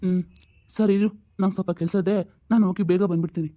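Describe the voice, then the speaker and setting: A woman doing a low, casual husband. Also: fairly even intonation, fast, mellow, dull audio, natural voice. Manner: casual, matter-of-fact, dropped into a low register. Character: grown man, husband, easygoing and brisk. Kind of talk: home-made family drama.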